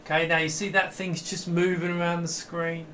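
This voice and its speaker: In a small home room packed with computer equipment, a middle-aged host demonstrates a vintage computer to camera in a casual, enthusiastic, rambling way, frequently cutting himself off mid-sentence. His voice is high-ish, bright, and forceful, with little pitch movement and a moderate pace, over a slight hiss or hum.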